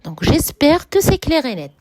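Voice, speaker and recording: A woman teaching a French grammar lesson, slowly spelling out examples and repeating key words with emphasis. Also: high voice, very animated, darkish tone. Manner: slow, deliberate, repeats and stresses example words. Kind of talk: classroom-style grammar lesson.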